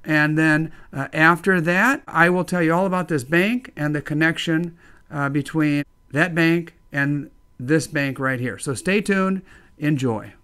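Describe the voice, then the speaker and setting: A man's voice: on the high side, measured pace, sharp tone, clean tone. Upbeat man hosting his video channel. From northwest Indiana. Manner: upbeat, friendly, with frequent "uh" fillers. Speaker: channel host. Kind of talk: casual video narration.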